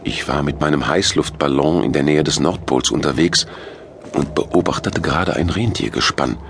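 A man's voice: extremely low pitch, moderate pace, fairly bright tone, a little hiss or hum. A man voicing a confused adult balloonist who keeps asking questions in a children's storybook. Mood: puzzled. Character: bewildered, frozen-stiff adult balloonist man.

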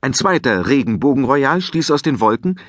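A man reading a children's audiobook aloud with expressive, scripted storytelling narration. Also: mid-range voice, moderate pace, no echo, clean studio sound. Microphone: close studio mic.

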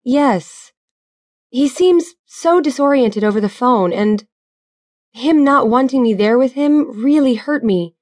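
A woman's voice: sits high, animated, slow, darkish tone, no echo. A woman voicing an anxious young bride-to-be. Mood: worried. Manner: worried, earnest. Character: anxious young woman awaiting her fiancé.

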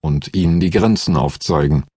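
A man voicing a gruff, commanding male warrior with a booming bass, in an audiobook. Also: normal speed, a little mellow, no echo. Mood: forceful. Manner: booming, stern.

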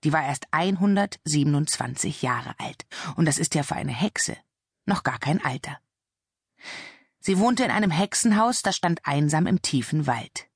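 A woman reads a children's storybook with a lively, expressive lilt that rises and falls widely. Her voice is soft and breathy, captured dry and close in a studio. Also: low-pitched, normal speed, no echo. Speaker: audiobook narrator. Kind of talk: children's audiobook narration.

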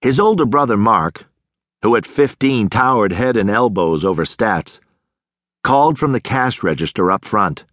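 A man narrating an audiobook in expressive storytelling style, recorded close on a studio mic. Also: lowish voice, moderate pace, no echo. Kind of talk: scripted narration.

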